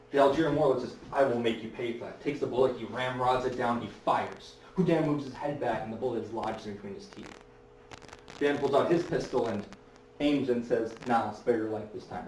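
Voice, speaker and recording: A man's voice: medium pitch, slight background noise. A man performing as a stage magician at a fair, telling stories in a chatty way with many fillers and restarts. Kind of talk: live storytelling performance. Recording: echoey, distant mic, faint ambience.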